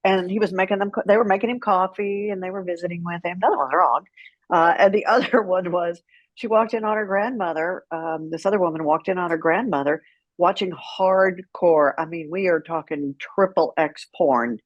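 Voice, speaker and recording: Frank and wry, a middle-aged woman guesting on an interview relates her stories candidly, playing out the remembered dialogue. She speaks at a moderate pace in a fairly low voice, on a dry, lo-fi recording.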